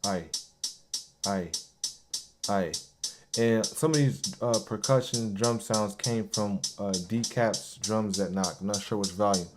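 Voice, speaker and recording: A man with a fairly low voice talks through a beat he made in a relaxed, casual way. He sounds like a producer in his home studio, with loud beat music playing behind him. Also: measured pace, hardly any pauses. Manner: laid-back, hypes along to his beats with yo and hey ad-libs. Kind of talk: casual beat breakdown tutorial.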